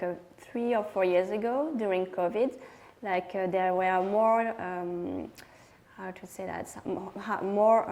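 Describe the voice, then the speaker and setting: A young woman from France with a French accent, answering interview questions and searching for words with many pauses. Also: medium pitch, mellow, poor audio. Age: young adult. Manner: hesitant, many fillers and restarts. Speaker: fashion designer.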